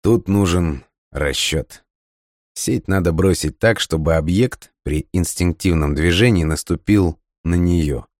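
A man narrating a story in the first person with a steady, measured delivery. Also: deep voice, no echo, clean studio sound. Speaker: audiobook narrator.

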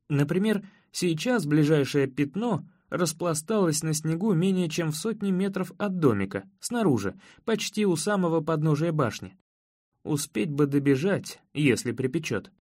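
A man's voice: fairly high pitch, expressive, normal speed, a little mellow, no echo. Man narrating an audiobook, dry close sound. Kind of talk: scripted first-person audiobook narration.

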